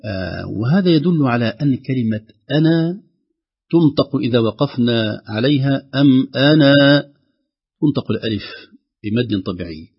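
A man's voice: medium pitch, lively intonation, moderate pace, slightly rough, highs cut off. A man teaching the rules of Quran recitation, explaining each rule and then reciting the example himself. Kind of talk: tajweed lesson with recited examples.

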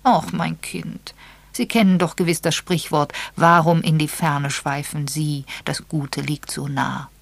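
A woman's voice: low voice, fairly even intonation, a little slow, vocal fry, no echo, voice pushed up, exaggerated voice. A woman voicing an elderly, shrewd spinster detective who explains things in a mild, patient way. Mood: gently knowing. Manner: mild, patient, gently lecturing.

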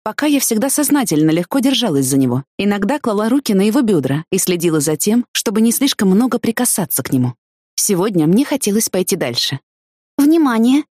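A woman reads a first-person audiobook with expressive storytelling. Her pitch moves a lot, and the recording is dry and close. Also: fast talker, slightly rough, no room sound. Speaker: audiobook narrator.

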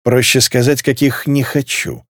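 A man's voice: medium pitch, little pitch movement, unhurried, dry recording, close to an everyday voice. A man reading aloud voicing a languid, mocking nobleman marshal with a dry drawl. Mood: lazy, mocking.

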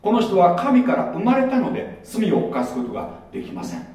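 A middle-aged man preaches in a high, swooping voice that rises and falls freely. He keeps it conversational, quizzing his listeners as he goes. The sound is heavily echoey and picked up from well back in a large hall. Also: big pitch swings, fairly quick, a little mellow. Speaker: pastor. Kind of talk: sermon. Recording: echoey hall, mic far off.

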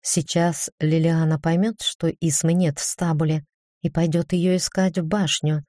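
A woman narrating a first-person fantasy audiobook in an even, measured reading. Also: sits low, no room sound, studio quality.

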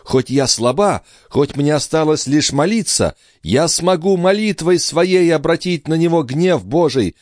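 A man reading an audiobook and voicing a distraught, indignant young noblewoman in an impassioned, pleading voice that rises toward shrill. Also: animated, a little slow, hardly any pauses, darkish tone, no room sound, clean studio sound. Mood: desperate. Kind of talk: audiobook character voice.

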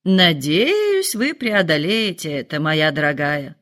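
A woman voicing a calm, dryly ironic middle-aged husband in a storybook reading. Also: low voice, slow, full character voice. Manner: dry, calm, mildly ironic.

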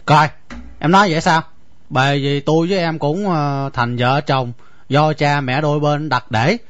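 A man voicing a stubborn young village husband with a Southern Vietnamese accent, stammering and halting as he pleads. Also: a little high, steady tone, a bit bright, close to an everyday voice. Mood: pleading. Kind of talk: radio drama acting. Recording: dull dry lo-fi recording, faint music.

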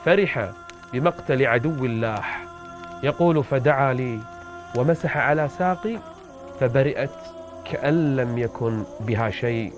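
A man's voice: measured pace, long pauses, faint music behind. A man preaching and retelling an old story with dramatic rises in his voice. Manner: dramatic storyteller, rising pitch at tense moments. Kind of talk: religious storytelling sermon.

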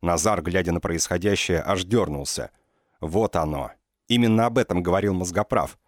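A man narrating an audiobook in a measured, ironic storytelling manner. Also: low-pitched, no echo, studio quality. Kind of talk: scripted narration.

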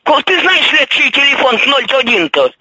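A woman's voice: sits high, big pitch swings, moderate pace, pushed and bright, no echo, low-quality recording. An older grandmother on the phone, scolding and mocking the caller over and over.

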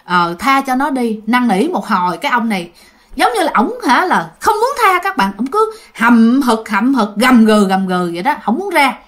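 Animated high-voiced woman storyteller. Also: moderate pace. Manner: animated, addresses listeners directly. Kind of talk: casual spoken ghost story to an audience.

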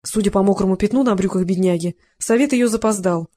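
Narrator: mid-pitched, measured, scripted audiobook reading. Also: warm tone.

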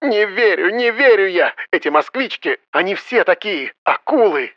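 A man's voice: lively intonation, moderate pace, no room sound, muffled recording. A man reading an audiobook, voicing a fretful, snobbish middle-aged mother who wails and pleads. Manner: wailing, pleading, high-pitched.

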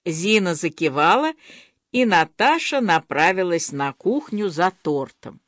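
A woman narrating an audiobook in an expressive, storytelling manner. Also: lowish voice, measured pace, dry recording, studio quality.

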